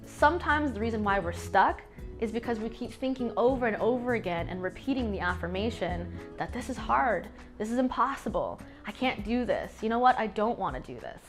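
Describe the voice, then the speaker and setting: A woman's voice: mid-range voice, a bit bright. Emphatic woman coaching with faint music. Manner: emphatic, leans on key words. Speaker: host. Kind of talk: motivational coaching talk.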